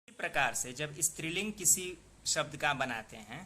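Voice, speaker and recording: A man's voice: a little high, animated, moderate pace, sharp tone, slight background noise. A man teaching a spoken lesson on pronunciation and spelling, patiently explaining, repeating words aloud and asking the listener questions. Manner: asks the listener rhetorical questions. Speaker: Hindi language teacher.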